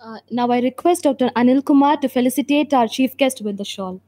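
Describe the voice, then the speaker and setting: Female emcee, slightly high pitch, dark mellow tone, formal announcing. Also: brisk. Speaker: master of ceremonies.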